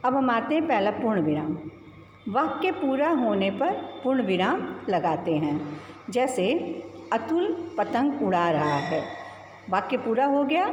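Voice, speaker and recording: A woman teacher giving an online grammar lesson to young children, in a slow, sing-song voice that rises on each example. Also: a little high, darkish tone. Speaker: school teacher. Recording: echoey room with long reverb and faint hiss.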